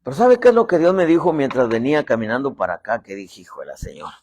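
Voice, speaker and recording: A man's voice: medium pitch, very animated, fast talker, darkish tone. A middle-aged man preaching a sermon in a folksy way, joking and having the congregation repeat phrases. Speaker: apostle preaching.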